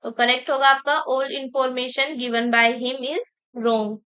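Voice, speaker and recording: A woman teaching an exam-prep grammar lesson, slowly dictating example sentences and explaining each correction. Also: high voice, steady tone, a bit bright, clean tone, rough recording. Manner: mixes Hindi explanation with English sentences.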